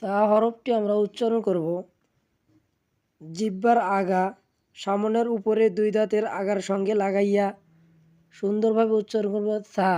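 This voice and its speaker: A woman teaching how to pronounce Arabic letters, slowly, repeating each sound several times. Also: medium pitch, steady tone, mellow. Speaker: Quran teacher. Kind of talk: step-by-step pronunciation lesson.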